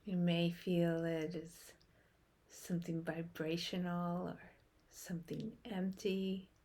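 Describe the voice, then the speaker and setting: Speaking softly and in a hush that slips almost into a whisper, a woman leads a guided meditation. Her short phrases are separated by long pauses, and her lowish voice barely changes in pitch.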